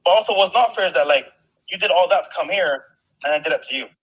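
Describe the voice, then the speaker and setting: A man heard on a recorded phone call played back, talking earnestly and haltingly, repeating himself. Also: high-pitched, lively intonation, breathy edge.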